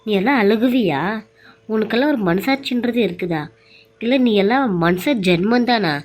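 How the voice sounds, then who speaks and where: A woman voicing a defiant, sharp-tongued young daughter-in-law in a cartoon serial, speaking with reproach and sarcasm. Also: fairly high pitch, lively intonation, normal speed. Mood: reproachful.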